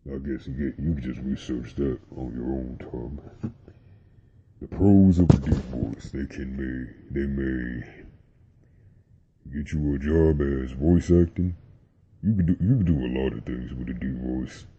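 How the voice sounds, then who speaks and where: A young male vlogger with a very deep, unhurried voice chats casually about deep voices, rambling with slang and fillers. Background noise is present, and the overall sound is dull and lo-fi.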